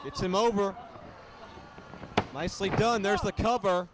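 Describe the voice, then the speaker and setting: Male wrestling commentator, high voice, emphatic clipped play-by-play over clear arena noise. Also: fairly even intonation, measured pace. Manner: emphatic calls in short clipped phrases. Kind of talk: live wrestling match commentary. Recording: noisy arena recording.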